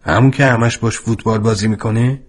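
A man's voice: on the low side, fairly even intonation, pitched above the performer's own voice, lightly acted. A man voicing an anxious middle-aged father who keeps pressing with questions in a storybook reading. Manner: insistent, repeated questioning.

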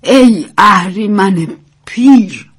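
A woman's voice: medium pitch, a little mellow, voice pushed up, close to an everyday voice. A woman reading a storybook gives voice to a stern, devout old peasant woman who speaks with commanding authority. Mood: furious. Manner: commanding, scolding.

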